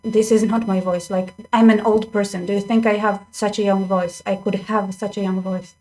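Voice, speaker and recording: A young woman hosts her own channel, chatting casually to camera, addressing viewers directly, going off on asides and restarting often. Her mid-range voice is warm in tone with a flat delivery at a moderate pace, recorded roughly on a desk microphone.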